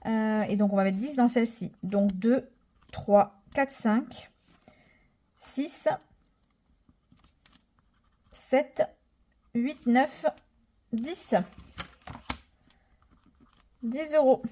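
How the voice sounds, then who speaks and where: A woman's voice: fairly high pitch, very slow, long pauses, mellow. Chatty woman in her thirties vlogging. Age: 30s. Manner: chatty and enthusiastic, many fillers, counts money aloud. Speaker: budget vlogger. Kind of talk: casual budgeting vlog narration.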